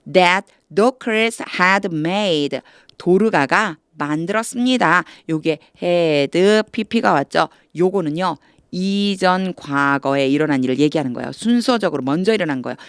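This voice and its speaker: A woman with a fairly low voice, recorded close to the mic in a dry room. She teaches with patience, asking questions as she goes, and reads English lines slowly before she explains them. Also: no room sound. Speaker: English Bible reading teacher. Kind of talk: explanatory lesson.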